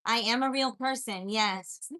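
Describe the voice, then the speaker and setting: Greeting her livestream audience before preaching, this woman, a spiritual life coach, sounds earnest and encouraging. Her accent is a blend from a childhood spent in many places. The voice is a little high and sharp, and she doesn't hurry.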